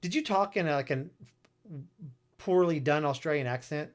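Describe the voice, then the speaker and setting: A man co-hosting a casual podcast, halting with fillers and laughing easily. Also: fairly high pitch. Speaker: podcast co-host.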